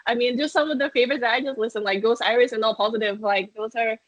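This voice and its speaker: A young Malaysian woman who sings in a metal band answers interview questions, chatting quickly with lots of fillers, restarts and frequent laughter. Her voice is fairly high with fairly even intonation. The recording sounds dull, lo-fi and dry.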